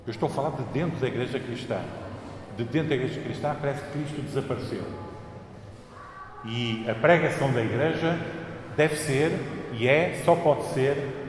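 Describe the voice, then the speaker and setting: Portuguese pastor preaching, emphatic, big cathedral echo, long reverb tail. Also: male voice, medium pitch, background noise. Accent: European Portuguese. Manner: earnest, emphatic preaching with repetitions. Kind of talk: sermon. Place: large church. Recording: echoey church hall, faint ambience.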